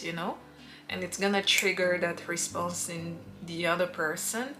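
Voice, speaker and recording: This perfume reviewer speaks in a lowish voice, taking her time and drawing out her words while playfully acting out quotes. It's a casual recommendation vlog with music underneath.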